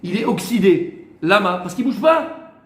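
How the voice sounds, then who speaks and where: A man with a high voice leads a lively Torah class, teasing his students and firing questions at them. The room gives his voice a clear echo. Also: a little slow. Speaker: rabbi. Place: room with a small group of students. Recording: echoey room.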